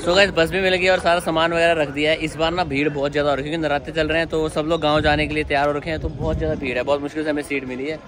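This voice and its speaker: A man's voice: a little high, little pitch movement, rapid-fire, hardly any pauses, crowd noise. A man filming a casual family vlog, chatting straight to his viewers outdoors by a car. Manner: chatty, addresses viewers directly. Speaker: vlogger.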